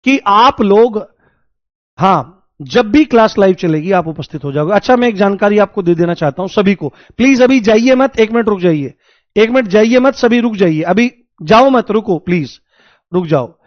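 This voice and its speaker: Male teacher, high voice, energetic and repetitive, dry slightly dull close-mic recording. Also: moderate pace, no echo. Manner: energetic, repeats points and asks students questions. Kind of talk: live online class lecture.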